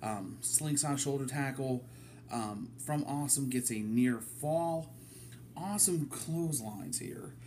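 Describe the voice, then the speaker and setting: A man hosting a casual wrestling review from his apartment, talking it through in a halting way with many ums. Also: mid-range voice, a little mellow, slight background noise. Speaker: wrestling podcast host.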